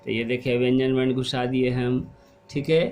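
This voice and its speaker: A middle-aged man teaching a class, explaining slowly and asking questions, then repeating the answers. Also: mid-range voice, level tone, a little mellow. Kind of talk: classroom lesson.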